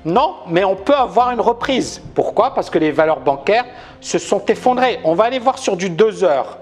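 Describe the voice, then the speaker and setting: Animated man analyzing stocks live. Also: sits high, moderate pace, faint music behind. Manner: talks to viewers, asks many questions; animated, emphatic. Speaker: trading educator. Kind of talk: live-stream market analysis.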